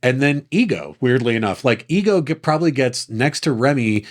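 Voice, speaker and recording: Animated man chatting about films. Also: mid-range voice, brisk. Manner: animated, acts out quotes in character voices. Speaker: podcast co-host. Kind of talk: casual film discussion.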